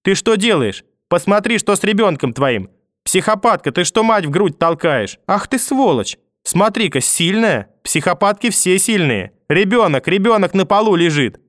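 A man's voice: mid-range voice, animated, normal speed, no echo, clean studio sound, lightly acted. A man reading an audiobook and voicing a furious, vicious old grandmother who scolds, curses and threatens. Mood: screaming.

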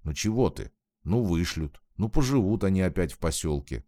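A man voicing a calm, reasoning young woman. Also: sits low, moderate pace, no room sound, clean studio sound. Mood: soothing. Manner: gentle, soothing, methodical.

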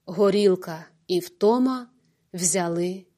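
A woman narrating an audiobook in a lively, expressive reading. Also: fairly low pitch, slow pace.

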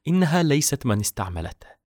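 A man's voice: mid-range voice, sing-song, fast, a little mellow, no room sound, studio quality, voice pushed up. A man voicing a timid, frightened young maidservant in a storybook reading, pleading and fearful.

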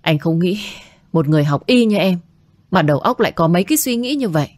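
A woman plays a well-off young man, protective and quick to anger. His replies are short and firm, in a low voice. Dry, close recording. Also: animated, a little mellow, dry recording, natural voice. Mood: exasperated.

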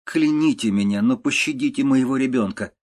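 A man's voice: medium pitch, a little fast, a little mellow, voice pushed up, natural voice. A man reading aloud and voicing a desperate young countess who pleads with her mother in a broken voice. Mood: desperate pleading.

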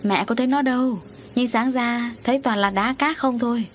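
A woman voicing a middle-aged mother who is shrill and panicking, her voice high and shrieking. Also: normal speed, soft background music, lightly acted. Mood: flustered.

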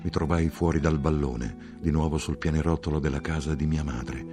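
A man narrating a literary audiobook in a measured, dramatic way that lifts when he voices dialogue. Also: very deep voice, fairly even intonation, music in the background. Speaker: audiobook reader.

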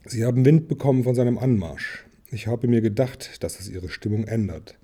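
A man's voice: mid-range voice, moderate pace, breathy edge, close to an everyday voice. A man voicing a furious proud dwarf king. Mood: angry. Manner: angry, shouting, contemptuous.

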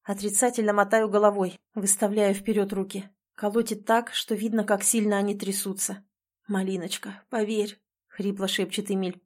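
A woman's voice: medium pitch, little pitch movement, moderate pace. A woman narrating an audiobook in the first person, in a tense, emotional way.

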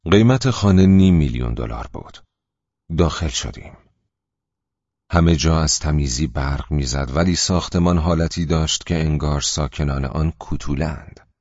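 A man narrating an audiobook in a measured, even storytelling manner. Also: very deep voice, dry recording, lo-fi sound.

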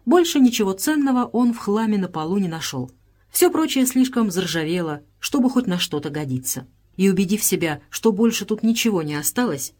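A woman narrating an audiobook in a measured, even storytelling delivery. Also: medium pitch. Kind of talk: scripted narration.

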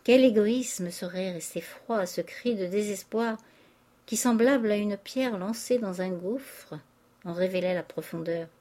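A woman narrating a classic novel as an audiobook in a measured, expressive way. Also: medium pitch.

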